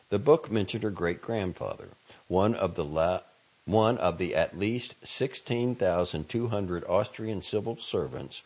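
A man with a very low voice reads a long article aloud in a measured, serious way. His delivery is slow and deliberate. The audio sounds a little dull and lo-fi. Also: darkish tone, husky. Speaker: narrator reading a magazine article.

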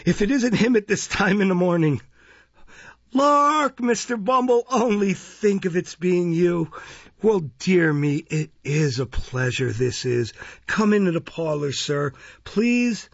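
A man voicing a fawning, flustered middle-aged woman caretaker who coaxes and flatters. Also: high voice, brisk, hardly any pauses, husky, no room sound, lo-fi sound, pitched above the performer's own voice. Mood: flustered delight. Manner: fawning, coaxing.

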